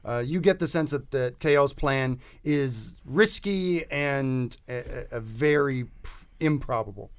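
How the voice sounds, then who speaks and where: A man's voice: mid-range voice, measured pace. A man narrating as game master of a tabletop role-playing game, talking loosely with many restarts and fillers.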